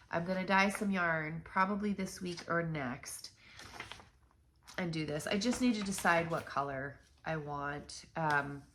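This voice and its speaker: A woman's voice: on the low side, fairly bright tone, a little hiss or hum. A middle-aged woman with a stuffy, nasal voice, chatting casually to viewers as host of a knitting channel, rambling with many ums and restarts. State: stuffy, nasal from blocked sinuses.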